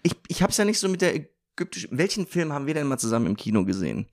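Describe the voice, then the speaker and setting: A man's voice: a little high, big pitch swings, racing. A man co-hosting a casual podcast chat about TV series, often restarting sentences and laughing as he tells stories. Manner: hesitant restarts, laughs while telling stories. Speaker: podcast co-host.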